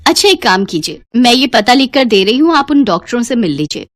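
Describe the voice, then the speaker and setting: A woman's voice: fairly high pitch, very animated, fairly quick, no room sound. A woman voicing a kind, encouraging female biology teacher in a cartoon. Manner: encouraging, warm to pupils. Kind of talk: cartoon voice acting.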